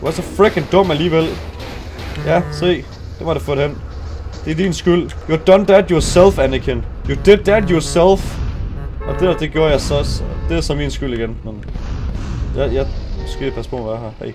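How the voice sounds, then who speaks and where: A young man giving excitable, swear-filled let's play commentary, mixing in English slang. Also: fairly high pitch, pauses often, over music. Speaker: gaming YouTuber.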